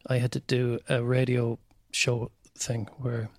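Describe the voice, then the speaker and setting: A man's voice: medium pitch, completely flat delivery, a little slow, a little mellow, no echo. A man with a west of Ireland accent, chatting casually and telling comic stories in a wry, self-deprecating way. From County Mayo, west of Ireland. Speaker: stand-up comedian guest. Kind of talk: casual chat, comic anecdotes.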